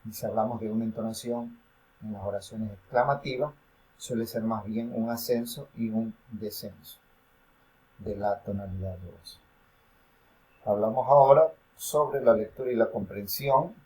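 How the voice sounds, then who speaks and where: A man's voice: on the low side, steady tone, normal speed, darkish tone, rough recording. A male university lecturer explaining reading and intonation, with frequent fillers and self-corrections. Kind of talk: recorded academic lecture.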